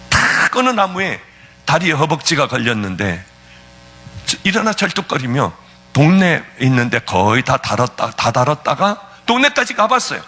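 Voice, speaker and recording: Male pastor, high and lively delivery, fervent testimony, husky tone. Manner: fervent, tearful storytelling with sudden pitch swings. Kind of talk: emotional testimony sermon.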